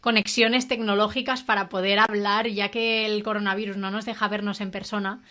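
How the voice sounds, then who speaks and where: A woman hosts a travel podcast, friendly and upbeat in her phrasing. Her pitch sits at a middling level, neither high nor low. She sounds clear and comfortable behind the mic. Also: little pitch movement, moderate pace, sharp tone. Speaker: podcast host. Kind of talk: podcast interview hosting.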